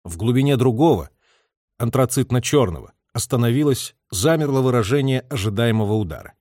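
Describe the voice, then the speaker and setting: A male narrator reads dramatic prose with vivid expression and a lively, rising and falling pitch. His voice sits at a middle pitch for a man, and the sound is close and dry with no room echo. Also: brisk. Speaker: audiobook narrator.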